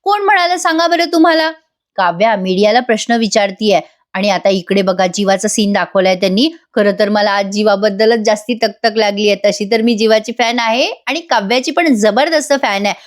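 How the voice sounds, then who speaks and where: A woman's voice: mid-range voice, normal speed, few pauses. A woman recording a chatty voice-over review of a TV serial episode, talking directly to her viewers.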